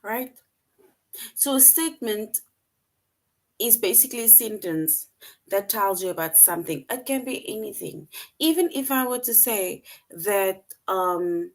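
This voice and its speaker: A woman's voice: medium pitch, lively intonation, measured pace. A woman teaching an online English lesson to young children, patient and repetitive, often checking in with "right?".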